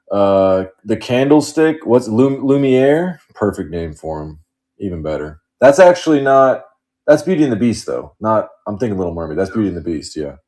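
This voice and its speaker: A man's voice: on the low side, warm tone. A man hosting a live card break stream, chatting casually, rambling and joking as he reads off cards. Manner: rambling, joking, laughs often.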